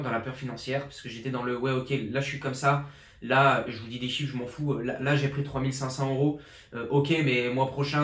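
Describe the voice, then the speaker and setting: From his flat in an apartment block, a fitness coach in his 20s excitedly walks through his year in an informal vlog, tripping over restarts and fillers. His voice sits at medium pitch, and the room is echoey. He's recording with a borrowed pro journalist mic.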